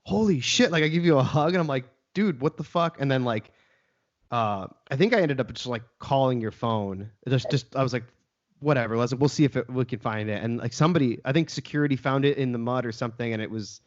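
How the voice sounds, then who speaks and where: A laid-back man hosts a podcast, chatting casually and swearing now and then. His voice sits at an ordinary pitch, and the recording sounds dull and lo-fi. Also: a little fast. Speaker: podcast host. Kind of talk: casual chat.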